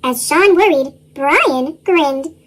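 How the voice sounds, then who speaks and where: High chipmunk-effect storybook narrator. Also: takes it slowly, fairly bright tone. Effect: sped-up, pitched-up chipmunk voice. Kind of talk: storybook read-aloud narration.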